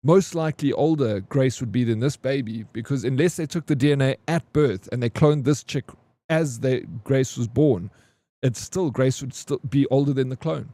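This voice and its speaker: Male streamer, 40s, relaxed and jokey, dry close sound. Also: medium pitch, normal speed, no echo. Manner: chatty, joking, reads and answers chat. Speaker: game streamer. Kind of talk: casual live-stream chat.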